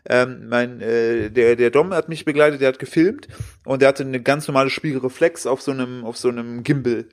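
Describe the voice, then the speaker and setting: A man's voice: medium pitch, fairly quick. A man in his twenties co-hosting a casual chat, telling stories in a rambling, slangy way with many fillers. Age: 20s. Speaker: podcast co-host.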